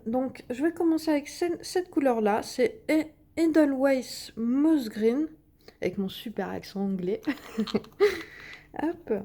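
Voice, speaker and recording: Woman hosting a craft tutorial; chatty, filler-heavy, mellow and higher-pitched. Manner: chatty, many fillers and little "hop" sounds while working. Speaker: craft video host. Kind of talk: casual craft demonstration.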